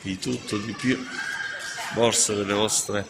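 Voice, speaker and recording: A playful, enthusiastic man narrates a relaxed walking tour of a big indoor mall, speaking slowly in a lowish voice. He teases and jokes as he goes. Loud shopping-mall ambience fills the phone recording. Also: gravelly, very noisy. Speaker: travel vlogger.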